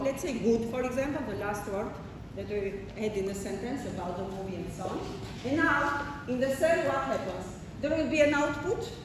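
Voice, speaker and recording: Picked up from far back in a big hall, a woman lectures students, walking through the material step by step, asking them questions and often checking "okay?" between fillers and restarts. Her voice sits on the high side, and the distant mic yields a noisy, echoey sound.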